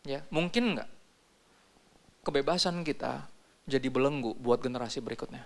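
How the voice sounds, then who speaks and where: A man's voice: medium pitch, moderate pace, gravelly. A male pastor, preaching a sermon in a casual, joking, slangy way.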